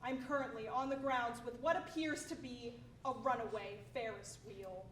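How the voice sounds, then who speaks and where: A woman's voice: fairly high pitch, moderate pace, fairly bright tone, natural voice. A woman playing a dry, pedantic news field reporter in a comedy sketch. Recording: roomy, distant, noisy.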